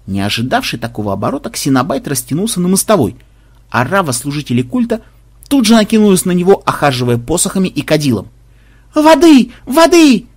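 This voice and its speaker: Animated male audiobook narrator. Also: fairly high pitch, quick pace, husky. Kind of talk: audiobook reading.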